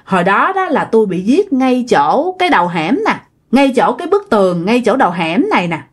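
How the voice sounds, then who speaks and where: A woman's voice: fairly high pitch, very animated, fairly quick. Woman voicing a wailing old ghost woman. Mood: eerie. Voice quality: thick, husky old voice. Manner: whiny, pleading, repeats herself.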